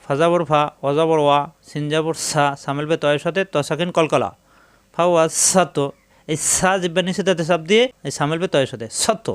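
A man with a Bangladeshi Bengali accent gives a methodical Quran spelling lesson, breaking words into syllables and drawing each one out in a slow chant. His voice sits a little high and sounds clear and resonant. The recording is dry and close, with no room sound. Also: no echo. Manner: slow drawn-out chanting of Arabic words between plain explanations. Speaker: Quran reading teacher. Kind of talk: step-by-step spelling and pronunciation lesson.

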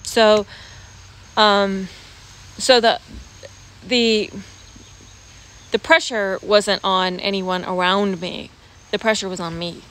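Sitting in a leafy garden with her phone at arm's length, a US expatriate vlogger in her forties, raised around the Pacific Basin, muses to camera. Her tone is steady and fairly bright at a medium pitch, her delivery casual, reflective, halting, and full of pauses. Clear outdoor noise with a cricket-like ambience fills the background.

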